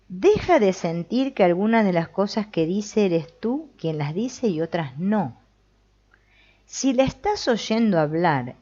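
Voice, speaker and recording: Slow, lively-toned woman teacher. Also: lowish voice, muffled recording. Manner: comments on a text she reads, asks the listener questions. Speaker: spiritual teacher. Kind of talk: reflective spiritual teaching.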